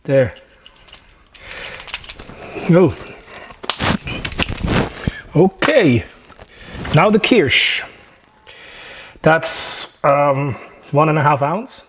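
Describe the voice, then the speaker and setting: A man's voice: on the high side, very slow, pauses often, a little hiss or hum. A man with a Swiss accent, a chef chatting and joking through a cooking demonstration in his home kitchen. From Switzerland. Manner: chatty, joking, relaxed instructions.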